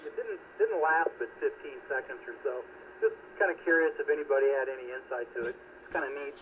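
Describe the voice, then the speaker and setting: A man's voice: medium pitch, quick pace. A man calling in to an amateur radio net, heard over a two-way radio transmission. He is hesitant and often restarts his phrases. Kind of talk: casual radio check-in. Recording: tinny narrowband radio with faint hiss.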